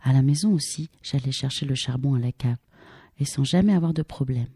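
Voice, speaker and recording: Female audiobook narrator, calm and even; husky timbre, dry booth sound. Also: a bass voice, a little fast, dry recording. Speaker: audiobook reader. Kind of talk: scripted literary narration.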